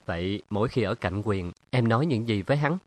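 A jealous, brooding young man from an audiobook, read by a male narrator. He presses with accusing questions in a voice only a little above the narrator's own, which sits on the low side. The tone is insistent. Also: lively intonation, brisk, a little mellow. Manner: pressing, accusatory, then pleading. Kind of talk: audiobook character reading.

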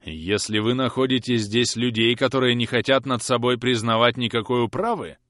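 A man reading an audiobook aloud, voicing a stern, pompous wealthy gentleman who speaks in a cold, commanding tone. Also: medium pitch, fairly even intonation, normal speed, dry recording, studio quality, pitched above the performer's own voice, natural voice. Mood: indignant. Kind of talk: audiobook character voice.

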